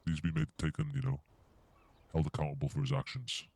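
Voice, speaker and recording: A man interviewed anonymously in a mock news segment, his voice disguised to sound deep and gravelly, speaking with over-the-top indignant outrage. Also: big pitch swings, fast, a little mellow, no echo.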